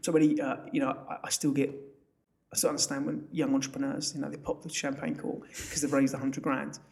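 Speaking fairly quickly in a fairly high, creaky voice with a level tone, this Essex-accented business founder answers podcast interview questions. He is chatty and emphatic, with a habit of repeating words.

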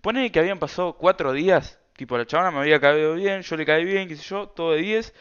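A young man with a Rioplatense Argentine accent chats through a personal story for his podcast. His voice sits fairly high and sounds smooth and clean. The talk is loose and slangy, and the recording is a little dull and lo-fi. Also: fast, a bit bright. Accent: Argentine Rioplatense Spanish. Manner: rambling, slang-heavy, chatty. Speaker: podcast host. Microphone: self-recorded camera setup.

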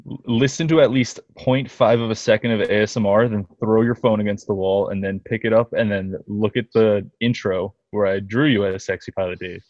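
A man joking around with friends over a video call, with deadpan asides. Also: fairly low pitch, a little fast, dry recording, muffled recording. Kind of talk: casual video-call chat.

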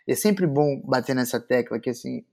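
A man's voice: medium pitch, moderate pace, creaky, warm tone. A man who teaches a music course, explaining points earnestly in a casual conversation.

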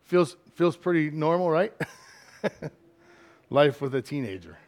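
A middle-aged man preaching a sermon as pastor, swinging from loud, emphatic lines to quiet asides. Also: a little high, lively intonation, takes it slowly.

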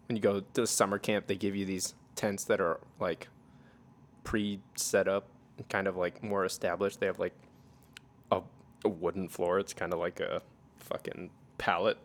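A man co-hosting a podcast in casual chat, rambling and laughing often, swearing freely. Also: lowish voice. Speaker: podcast co-host.

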